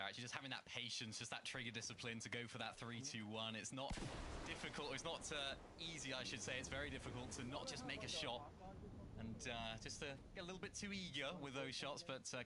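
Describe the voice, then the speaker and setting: A man commentating live on an esports match, breaking down plays and explaining the game for new viewers. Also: mid-range voice. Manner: analytical, explains gameplay to newcomers. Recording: loud background noise.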